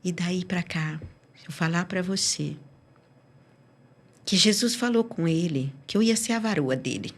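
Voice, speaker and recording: A woman guest on a church podcast giving her personal religious testimony, telling her story with lively acted-out dialogue. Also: a little slow, long pauses. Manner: sweeping, swinging pitch as she tells her story.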